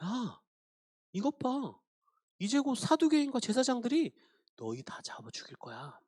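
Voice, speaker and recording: A man's voice: extremely high pitch, wildly swooping pitch, measured pace, darkish tone, no room sound, clean studio sound, exaggerated voice. A man voicing a scheming male devil who taunts frightened believers in a sermon. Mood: menacing hush. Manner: taunting, sneering.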